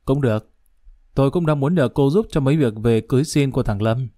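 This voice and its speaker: A man's voice: medium pitch, brisk, dark tone, no echo, studio quality, lightly acted. A man voicing a sly, domineering woman near fifty who talks in a cool, mocking, condescending way.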